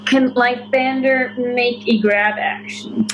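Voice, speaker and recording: A woman's voice: on the high side, fairly even intonation, takes it slowly, muffled recording, noisy background. Giggly woman playing a tabletop game. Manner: giggly and playful. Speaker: player. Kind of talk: casual tabletop game play.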